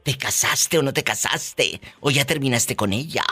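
A man's voice: medium pitch, normal speed, bright, forceful tone, husky. A man from Mexico hosting a call-in radio show, teasing callers with a theatrical, playful delivery. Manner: theatrical, teasing, bursts of laughter and catchphrases. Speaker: radio podcast host. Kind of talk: flamboyant call-in radio chat.

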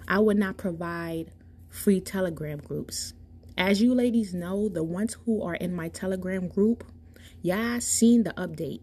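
A woman's voice: mid-range voice, dark tone, husky. A woman hosting a podcast, talking in a casual, emphatic monologue straight to her listeners. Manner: emphatic, impassioned, addresses listeners directly. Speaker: podcast host.

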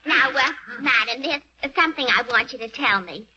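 A woman's voice: high voice, animated, moderate pace, pushed and bright, slightly rough, full character voice. An actress playing a brash, touchy, man-hungry young woman in a 1940s radio comedy, with an affected manner. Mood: affected, eager. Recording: muffled old radio broadcast, faint noise.

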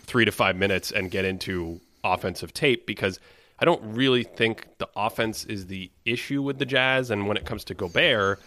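A man hosting a sports podcast, talking in a thoughtful, measured way with some fillers. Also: fairly low pitch, sharp tone. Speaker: podcast host. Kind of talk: casual chat.

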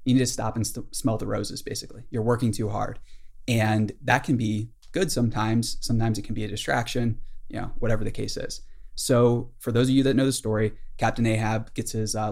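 A man's voice: fairly low pitch, gravelly, darkish tone. A man hosting a podcast, retelling a classic novel in a casual, enthusiastic way with many fillers. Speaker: podcast host.

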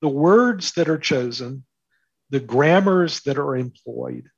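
Speaking at medium pitch, this author and commentator sounds animated, creaky and husky. As an interview guest he presses his points hard, repeating phrases on purpose for emphasis. The audio is dry with the highs cut off.

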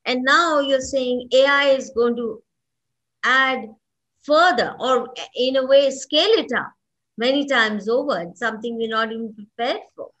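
A woman's voice: high-pitched, a little slow, a bit bright, low-quality recording. A woman with an Indian accent, speaking as an interviewer putting questions to a guest.

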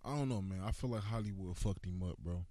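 A man's voice: deep voice, fast talker, dark tone, dry recording. A man co-hosting a casual podcast debate, blunt and profane, repeating himself insistently in slangy, bro-heavy talk. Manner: insistent, repeats phrases for emphasis. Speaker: podcast co-host.

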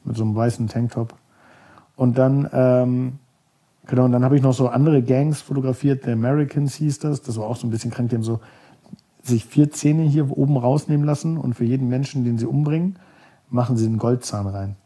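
A man's voice: medium pitch, fairly even intonation, fairly quick, mellow. A man from Germany, a podcast guest, telling stories casually and rambling, often searching for words with many fillers. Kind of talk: casual storytelling.

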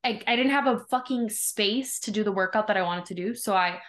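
A woman's voice: medium pitch, brisk, fairly bright tone. A woman co-hosting a podcast in casual chat, informal and sweary, with "like" scattered through her sentences. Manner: informal, profane, frequent "like". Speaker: podcast co-host.

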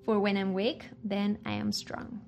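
Podcast guest, woman from Chile, earnest reflective testimony, gravelly fry in the voice. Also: mid-range voice, level tone, unhurried, muffled recording, faint music behind. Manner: earnest, reflective, many ums. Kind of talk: faith testimony conversation.

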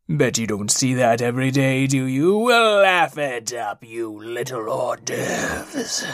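A man's voice: mid-range voice, no room sound, studio quality, lightly acted. A man doing a sneering, drawling bully cat. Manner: taunting, drawling.

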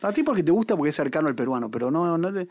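A man from Argentina with an Argentine accent, co-hosting a casual podcast chat with halting restarts. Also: on the high side, sing-song, darkish tone, no echo. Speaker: podcast co-host.

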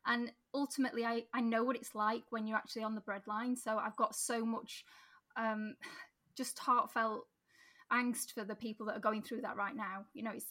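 The Sheffield political candidate's voice is a little high with a sharp tone, carrying a Yorkshire accent. In her conversational interview she chats freely, laughs often and restarts frequently.

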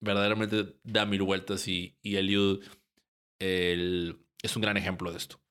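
A young man from Mexico, hosting a casual podcast and talking in a relaxed, rambling way with many restarts. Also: low voice, measured pace, clean tone. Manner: relaxed, rambling with frequent restarts and short laughs. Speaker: podcast host. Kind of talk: casual podcast intro and interview.

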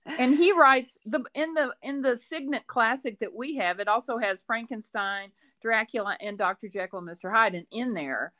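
A woman's voice: on the high side, moderate pace. A woman who teaches school, co-hosting a casual book podcast and telling rambling stories with side notes. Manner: warm storytelling, rambling asides, laughs often.

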